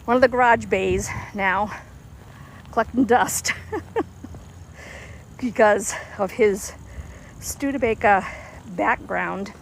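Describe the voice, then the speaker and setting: A woman's voice: mid-range voice, takes it slowly, gravelly, long pauses, slight background noise, rough recording. A woman chatting casually on a livestream while walking outdoors, a bit winded, rambling and laughing easily. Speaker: livestream host.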